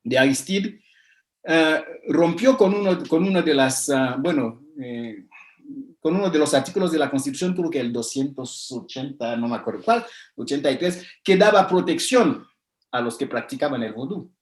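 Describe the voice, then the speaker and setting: A man's voice: fairly high pitch, lively intonation, moderate pace. Hesitant man lecturing in an echoey room. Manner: hesitant, many fillers and restarts, explanatory. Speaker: lecturer on religion. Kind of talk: spoken lecture with slides.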